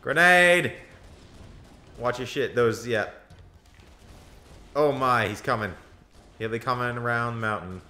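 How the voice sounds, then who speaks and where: Bright-voiced young man explaining the game. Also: mid-range voice, brisk. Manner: explains game lore, excitable shouts mid-play. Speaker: co-host of a gaming channel. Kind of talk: casual let's-play commentary.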